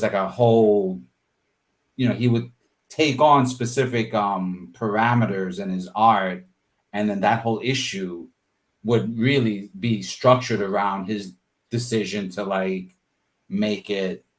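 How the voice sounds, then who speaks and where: Speaking a little slowly in a lowish voice, a man answers interview questions about his work as an artist. He muses casually on his creative process, hunting for the right words and sprinkling in plenty of "like" and "you know."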